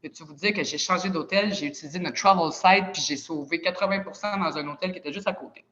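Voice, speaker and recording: A woman's voice: on the low side, quick pace, fairly bright tone, slight background noise. Woman, Quebec French accent, video-call presenter, casual persuasive sales talk, dull lo-fi sound. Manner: chatty and persuasive, with casual asides. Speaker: presenter of a travel club.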